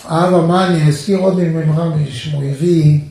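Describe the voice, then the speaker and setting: A man's voice: fairly high pitch, creaky. A man giving a religious talk, retelling stories of rabbis and acting out the people in them. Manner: animated storytelling, quotes others aloud. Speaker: religious speaker. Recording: very echoey room.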